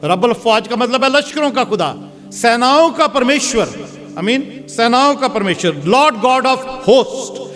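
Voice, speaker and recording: A man preaching a sermon in a strained, very high register, pushing his voice loud and forceful from the pulpit. His words ring out with a long hall reverb. Soft music plays behind him. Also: expressive. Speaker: pastor. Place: church hall.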